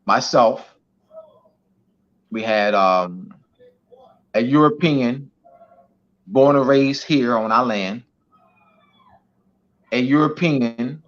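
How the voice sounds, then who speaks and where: On an online show, a male guest speaker with a medium-pitched, fairly bright voice gives a teaching talk. His delivery is emphatic and repetitive, peppered with "you know," and the lo-fi recording is dull.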